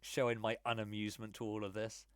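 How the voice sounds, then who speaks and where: A man's voice: on the low side, monotone, fast. A man playing a tabletop game, often exasperated, groaning and swearing in character. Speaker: player.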